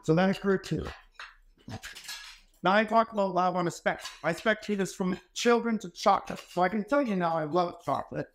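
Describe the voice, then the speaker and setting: Man giving an emphatic keynote, high voice. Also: fairly quick, a little hiss or hum. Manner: storytelling, emphatic and conversational. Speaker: keynote speaker. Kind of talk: motivational keynote speech. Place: ornate wood-paneled hall, indoors. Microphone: handheld microphone.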